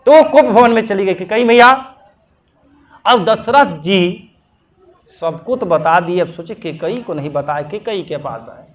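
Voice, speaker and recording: A man from Bihar, telling a devotional story as a sermon, lively and humorous, addressing his audience. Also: sits high, unhurried. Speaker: religious storyteller.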